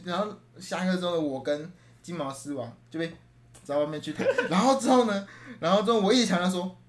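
A man's voice: high voice, fast, slight background noise. A young man telling a rambling school story in casual chat, restarting often and laughing as he talks.

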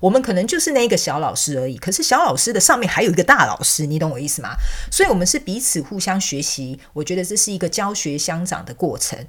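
A woman with a voice tells a story to her viewers. Her voice sits fairly low and she talks quickly, chatty and animated, with lots of fillers and asides. She sounds like a counselor who reads angel cards. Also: slightly rough. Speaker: angel card reader and counselor. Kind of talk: casual storytelling monologue.

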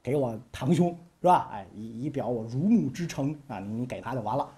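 Trusting, sentimental strategist, as a male storyteller voices him, plaintive and earnest, mellow tone with wide pitch swings. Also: animated, a little fast, natural voice.

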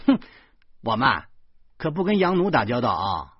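A man voicing a sharp-tongued wife in her thirties who mocks and scolds, with a Beijing accent. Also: medium pitch, sing-song, moderate pace, husky, dry recording, voice pushed up. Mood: scornful. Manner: cutting and mocking. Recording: dull lo-fi recording.

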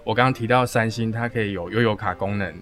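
A man's voice: fairly low pitch, fast talker, a bit bright, faint music behind. A Taiwanese-accented man co-hosting a casual podcast chat, his words slightly slurred by the braces he wears. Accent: Taiwanese Mandarin. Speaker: podcast co-host.

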